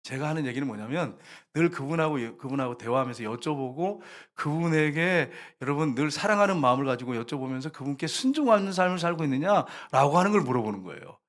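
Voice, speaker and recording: A man's voice: on the high side, expressive, fast talker, few pauses. A man preaching a sermon as a pastor, talking with the congregation, asking them questions and acting out quoted prayers. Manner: conversational, asks the congregation questions and answers them himself; acts out short quoted prayers and complaints.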